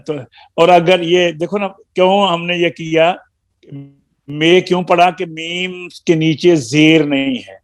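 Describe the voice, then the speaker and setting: A man teaching a live Quran recitation class, explaining step by step with patient, drawn-out syllables and gentle teasing. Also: on the high side, steady tone.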